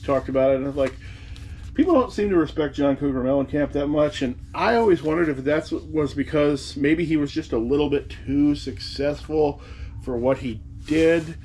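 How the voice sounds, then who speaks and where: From behind a desk in a cluttered room, a reseller vlogger in his forties talks casually to the camera set up in front of him. His voice is fairly high and darkish, at a moderate pace, with slight background noise. He's chatty and wry, full of rambling asides.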